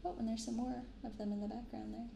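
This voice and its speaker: A young woman speaking softly in an ASMR style, unhurried as she comments and reads aloud. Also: a little high, little pitch movement, vocal fry, roomy sound, noisy background. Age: young adult. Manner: unhurried, hushed commentary and reading from cards. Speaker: host of a card-opening channel. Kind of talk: soft-spoken ASMR. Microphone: binaural microphone.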